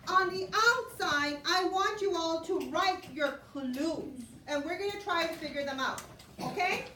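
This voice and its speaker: A woman's voice: very high-pitched, unhurried, sharp tone. A woman elementary school teacher giving young children classroom instructions, prompting them with questions and repeating what they need to do. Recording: roomy, distant classroom recording with clear noise.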